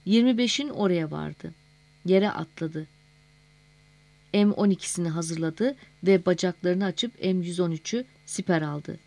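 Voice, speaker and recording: A woman narrating a novel as an audiobook in a measured, steady reading voice. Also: on the low side.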